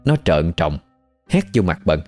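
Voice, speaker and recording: Deep-voiced man narrating. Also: measured pace. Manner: expressive, lively storytelling. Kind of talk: storytelling narration. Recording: faint background music.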